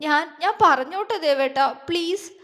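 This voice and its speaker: A woman's voice: sits high, a little slow, a bit bright, big-room sound. A woman voicing a young wife in a romance story, confiding her feelings in a tearful, heartfelt way.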